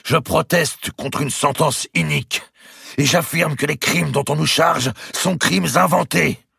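A man puts on a proud old grand master in a storybook, crying out his innocence in a high, straining voice. The tone is husky and the recording dry. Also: unhurried, dry recording, full character voice. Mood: defiant. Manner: shouting protests.

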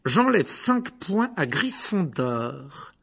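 A man voicing a cold, sneering male potions teacher who speaks slowly and with contempt, in a storybook reading. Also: fairly high pitch, big pitch swings, gravelly, fairly bright tone, husky, pitched above the performer's own voice, full character voice. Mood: scornful. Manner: slow, cutting, contemptuous.

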